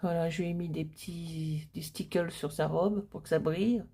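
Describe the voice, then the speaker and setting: A middle-aged woman crafter talking casually through a paper-crafting project, chatty and hesitant, with many pauses and fillers. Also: on the low side, steady tone, dark tone, slightly rough.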